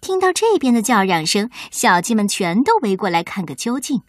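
Expressive woman telling a bedtime story. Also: medium pitch, normal speed, no echo, clean studio sound. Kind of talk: children's bedtime story reading.

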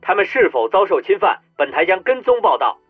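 一名男子在有声书中为一位表情严肃、快速播报的电视新闻主播配音，声音抬高，语气紧迫。. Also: male voice, sits high, sing-song, slightly rough, no echo, narrow, tinny audio, soft background music, voice pushed up, exaggerated voice. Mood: urgent. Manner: fast, urgent news-bulletin delivery. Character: brisk, stern TV news anchor. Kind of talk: audiobook character voice.

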